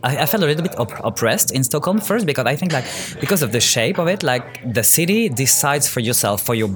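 A man's voice: medium pitch, animated, brisk, a crowd in the background. A man from France with a French accent, answering interview questions hesitantly with many restarts. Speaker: guest, student. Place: outdoors in a city neighborhood. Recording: music playing clearly behind. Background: clear music.

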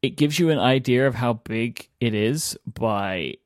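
A man's voice: mid-range voice, unhurried, no room sound, clean studio sound. A man co-hosting a podcast in casual chat, rambling and amused, with lots of fillers. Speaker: podcast co-host.

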